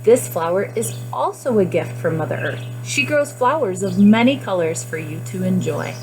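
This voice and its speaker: A woman plays a helpful female rabbit in a children's storybook. She is encouraging and instructive, with animated swings in pitch. Faint music runs underneath. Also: moderate pace, creaky, poor audio.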